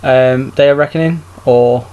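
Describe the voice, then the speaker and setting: A man's voice: mid-range voice, steady tone, a little slow, warm tone, clear, resonant tone, highs cut off. A man casually hosting a podcast in a hesitant, understated way. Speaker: podcast host.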